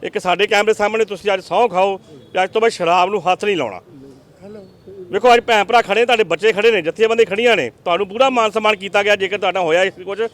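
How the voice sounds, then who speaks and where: A male field reporter interviewing people outdoors on a street, with a high-pitched voice. He talks fast and briskly, pushing out question after question. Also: fairly bright tone. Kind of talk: on-the-spot news interview.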